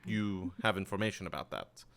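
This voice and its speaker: Guy doing a wry skeptical official in a tabletop game, low-ish voice, bright and clean. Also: a little fast, creaky. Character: brusque male city official, skeptical and wry.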